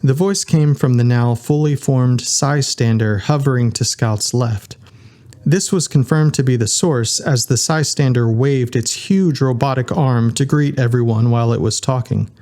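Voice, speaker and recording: A man reading an audiobook in a steady, unhurried narration. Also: medium pitch. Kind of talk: scripted narration.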